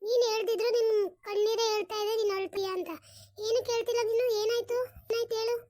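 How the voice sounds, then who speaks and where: A woman voicing a caring but scolding elder sister-in-law in a village cartoon, firing rapid nagging questions. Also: very high voice, level tone, darkish tone, no echo, studio quality. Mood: coaxing. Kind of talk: cartoon voice acting.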